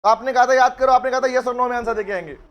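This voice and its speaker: A man's voice: extremely high pitch, steady tone, fast talker. A man teaching company law in a live online class, chatty and teasing with his students.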